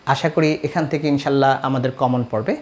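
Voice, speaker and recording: A man's voice: medium pitch, fairly even intonation, fairly quick. Man from Bangladesh, tutor, exam-prep lesson, hesitant, example-driven explaining.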